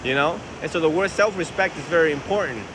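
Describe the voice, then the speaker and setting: In a casual Q&A filmed on a phone at the ocean, with wind and waves behind him, a Vietnamese Buddhist monk talks fast through viewers' questions. His voice runs a bit high for a man. The tone is loose and chatty, peppered with rhetorical questions.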